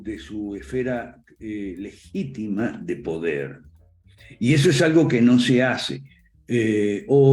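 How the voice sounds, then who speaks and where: A man's voice: medium pitch, darkish tone. An older man from Argentina with an Argentine Spanish accent, giving a conversational virtual lecture, dotting his talk with "eh" and "¿ok?" and little chuckles. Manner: frequent "eh" and "¿ok?" tags, chuckles while talking.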